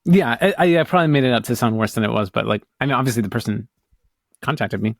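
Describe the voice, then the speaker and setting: Male podcast co-host from the US, rambling and hesitant, mid-pitched, dry close mic. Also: fast talker, no room sound. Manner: hesitant, rambling, full of restarts. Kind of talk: casual chat.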